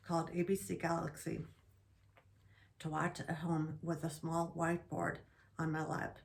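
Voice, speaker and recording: A middle-aged woman reading prepared remarks in slow, halting speech, often restarting words. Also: low-pitched, gravelly. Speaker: guest sharing stroke recovery.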